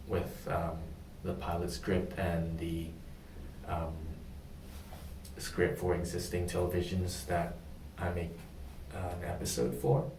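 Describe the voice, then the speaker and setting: Speaking from a distance in a room with a noticeable echo and faint ambient sound, a young Indonesian job candidate answers mock interview questions. His deep voice stays flat, and he hesitates a lot, stopping with ums to find the right words.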